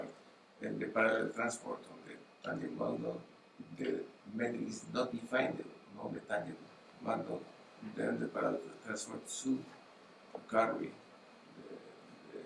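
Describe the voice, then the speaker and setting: Male examiner, non-native English, halting and formal, lively pitch movement, distant echoey hall mic. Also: creaky, noisy background. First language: not English. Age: middle-aged. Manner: halting, with repeated words and searching pauses. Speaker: thesis opponent, examiner. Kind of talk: formal academic questioning at a thesis defense. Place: university auditorium. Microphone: gooseneck table microphone.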